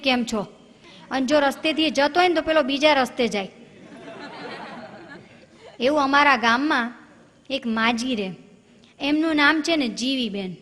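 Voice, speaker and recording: A woman's voice: high voice, a bit bright, big-room sound. A woman comedian, telling jokes and stories straight to the audience in a chatty way. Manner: chatty, addresses the audience directly. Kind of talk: comic storytelling.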